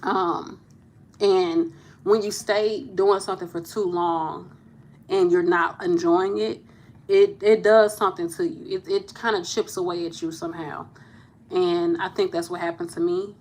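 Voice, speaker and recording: A woman's voice: fairly low pitch, steady tone, a little slow, darkish tone. A woman in her thirties, a nurse hosting a casual live chat with viewers, talking candidly and laughing easily. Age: 30s. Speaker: nurse and channel host.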